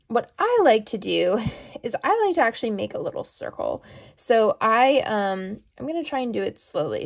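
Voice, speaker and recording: Gravelly-voiced woman teaching crochet. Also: a little high, darkish tone. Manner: chatty, many ums and self-corrections. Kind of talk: casual tutorial demonstration.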